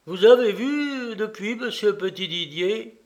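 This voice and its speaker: Guy reading as an old shopkeeper grandpa, calm, bit impatient, audiobook. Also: sits high, unhurried, voice pushed up. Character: old grandfather shopkeeper, patient but busy.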